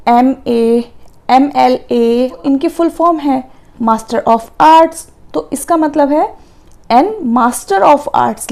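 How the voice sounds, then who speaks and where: A woman with an Indian accent teaches a children's grammar lesson. Her voice sits high and sounds soft and mellow. She speaks slowly and deliberately, spelling words out letter by letter.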